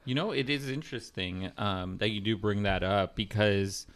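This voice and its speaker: A young man with a slightly low voice talks through a casual podcast chat. He hesitates a lot, with ums and restarts, as he shares his views as a co-host. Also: normal speed, fairly bright tone.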